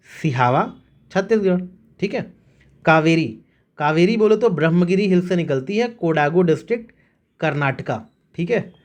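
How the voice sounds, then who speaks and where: A man teaching exam students memory tricks, repeating points and checking in with them as he goes. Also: on the high side. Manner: repetitive, coaxing, checks in with "theek hai". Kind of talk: mnemonic lesson.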